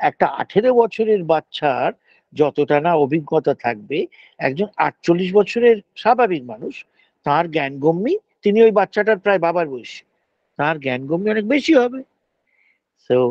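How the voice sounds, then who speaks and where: An older man with a Bengali accent lectures a class, switching between Bengali and English. His voice sits high and swoops all over as he acts out little scenes, taking his time over the words. The recording is dry and a little dull. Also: dry recording. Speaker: college English professor.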